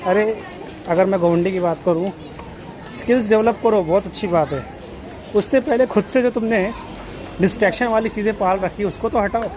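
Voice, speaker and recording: A man's voice: high voice, moderate pace, long pauses, crowd noise. A man, a local vlogger giving street-side social commentary and firing off rhetorical questions as he walks through the city. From Mumbai, India.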